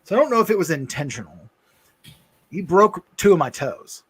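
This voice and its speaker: Guy on a livestream telling his story, kinda high voice, earnest, keeps restarting and trailing off. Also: animated, moderate pace, fairly bright tone, husky. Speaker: livestream co-host. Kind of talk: casual personal storytelling.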